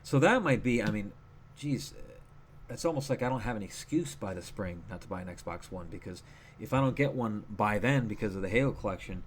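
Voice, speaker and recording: Low-ish guy rambling on a game podcast, lots of ums, faint hiss behind. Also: expressive, brisk. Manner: rambling, many fillers and restarts. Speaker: podcast co-host. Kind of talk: casual chat.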